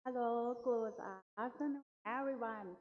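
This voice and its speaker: Give me a Thai woman speaking slowly at a conference, heard through an echoey hall PA. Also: a little high, muffled recording. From Thailand. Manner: hesitant, many uh fillers. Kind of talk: conference talk.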